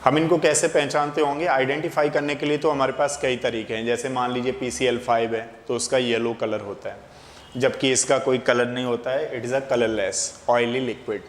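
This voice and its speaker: This chemistry lecture comes from a man speaking fairly quickly in a steady, medium-pitched tone. Classroom-style, he explains step by step and asks questions only to answer them himself. Echo and faint background noise are audible.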